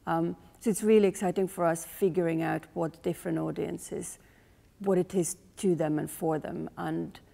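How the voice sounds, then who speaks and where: Croatian-accented woman, low gravelly voice. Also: fairly even intonation, moderate pace, warm tone. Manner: thoughtful, searching for words. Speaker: playwright and director. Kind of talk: interview. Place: large rehearsal hall indoors. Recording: long hall reverb.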